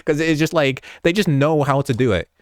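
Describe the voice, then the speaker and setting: Stuffed up and a little unwell, a man wanders through a relaxed chat about how he edits his videos, cutting himself off and chuckling often. His voice runs high and a little fast, captured dry at studio quality.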